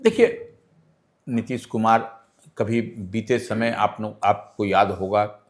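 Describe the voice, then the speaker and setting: On a news discussion, a man with a lowish voice analyses politics, explaining at length and with emphasis. He speaks slowly in a steady tone and asks listeners to decode what's going on.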